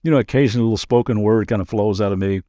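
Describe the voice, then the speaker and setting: A man's voice: lowish voice, rapid-fire, mellow, no echo, clean studio sound. A man pastor giving a daily devotional podcast talk in an earnest, conversational way, with playful asides.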